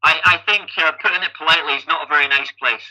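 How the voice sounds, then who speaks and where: A Scottish guest athlete and coach in his fifties tells stories chattily in a casual interview, often repeating the first word of a sentence. His fairly high voice is fast, bright and forceful, and the recording quality is low.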